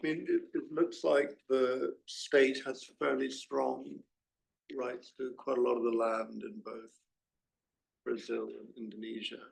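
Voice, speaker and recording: A man's voice: mid-range voice, level tone, a little slow, vocal fry, poor audio. A man on an academic panel who muses tentatively and poses questions. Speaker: panel discussant.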